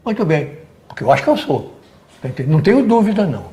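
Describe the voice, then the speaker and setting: A man's voice: high voice, big pitch swings, fast talker, dark tone. An older Brazilian man, a retired general, telling stories in a TV interview with an emphatic manner, repeating words for stress and acting out what others said. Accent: Brazilian Portuguese. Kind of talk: TV interview, storytelling.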